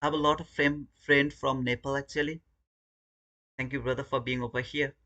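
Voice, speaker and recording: The audio is dull as a Bangladeshi trading streamer speaks a little fast in a mid-range, pushed and bright voice with a level tone. He chats informally with viewers in a Bangladeshi English accent, commenting on trades and repeating words often.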